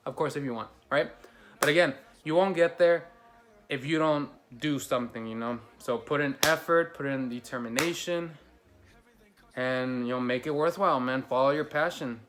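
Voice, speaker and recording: A man's voice: mid-range voice, normal speed, a bit bright. A young man, a school alumnus, giving a casual and encouraging recorded graduation message with plenty of slang fillers.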